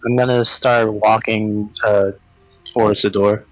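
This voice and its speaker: A man playing a tabletop role-playing game, speaking casually and thinking aloud in a hesitant, deliberate way. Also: on the low side, little pitch movement, low-quality recording.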